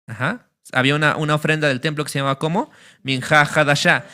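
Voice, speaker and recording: Bright-voiced man teaching a class. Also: fairly high pitch, fairly even intonation, fast. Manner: explanatory, checks understanding with the class, many fillers. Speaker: religious teacher.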